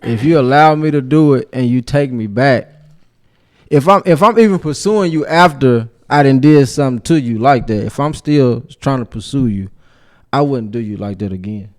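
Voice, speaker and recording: A man's voice: mid-range voice, moderate pace. A man in his thirties, a guest on a casual podcast, talking earnestly and repeating himself as he works out his point. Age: 30s. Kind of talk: casual chat.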